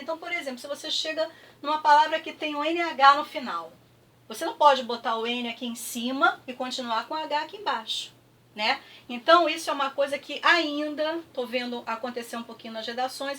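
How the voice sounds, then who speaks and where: A woman's voice: sits high, bright, forceful tone, recorded from a distance. A woman with a Brazilian Portuguese accent teaching a review lesson, patient and checking in often with her students. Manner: patient, repeats words slowly with clapping, frequent "tá?" checks.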